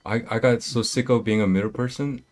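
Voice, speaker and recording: A man's voice: mid-range voice, fairly even intonation, a little fast, a crowd in the background. A young man from South Korea with a Korean accent, speaking English as a second language in a hesitant, plainspoken casual chat. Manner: hesitant, restarts words, plainspoken.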